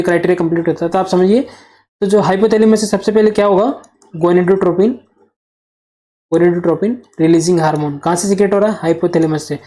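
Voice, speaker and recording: A man's voice: high voice, warm tone. A man teaching nursing exam material as a whiteboard lecture. He poses questions, answers them himself, and repeats the key terms.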